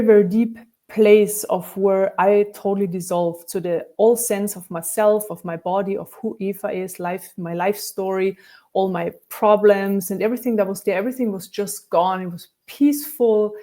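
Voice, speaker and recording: A woman talks as an interview guest, her tone dark and mellow at an ordinary middle pitch. She speaks thoughtfully and often restarts her sentences as she reflects. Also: fairly even intonation, normal speed. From Austria. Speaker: spiritual teacher and guest.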